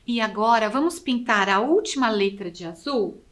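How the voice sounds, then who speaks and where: A woman's voice: on the high side, expressive, normal speed. A woman teacher giving a video lesson for children, patiently counting and sounding out syllables aloud. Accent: Brazilian Portuguese.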